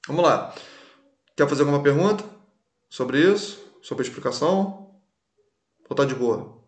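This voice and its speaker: A man's voice: on the high side, expressive, normal speed. A man teaching a recorded class in a casual way, often checking that students follow along. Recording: echoey room.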